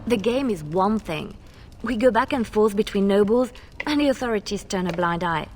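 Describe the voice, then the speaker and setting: A woman's voice: medium pitch, expressive, normal speed, darkish tone, faint music behind, natural voice. An actress playing a young woman spy and bard who speaks earnestly and anxiously. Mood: alarmed.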